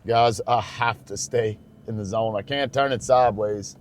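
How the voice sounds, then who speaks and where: A man's voice: on the low side, normal speed, a little hiss or hum. A young man, talking casually to viewers while driving a truck on a road-trip vlog. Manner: chatty, addresses viewers as y'all. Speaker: travel vlogger driving. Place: inside a moving truck.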